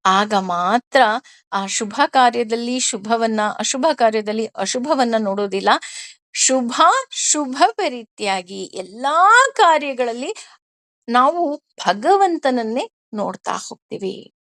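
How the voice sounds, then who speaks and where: A woman teaches scripture, taking Sanskrit verses line by line and explaining them through everyday examples. Her voice sits fairly high, and she keeps asking her listeners questions. The recording is dry and close. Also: no room sound. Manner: lively, asks listeners questions. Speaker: spiritual teacher. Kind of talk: discourse on scripture.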